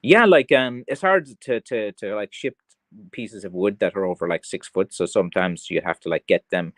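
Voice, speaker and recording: Answering viewer comments on his livestream, this Kerry man, a craftsman selling blackthorn sticks, talks in a loose, rambling, tongue-in-cheek style with a mild west of Ireland accent. His lowish voice moves at normal speed with a slightly bright tone, in studio-quality audio with no room sound.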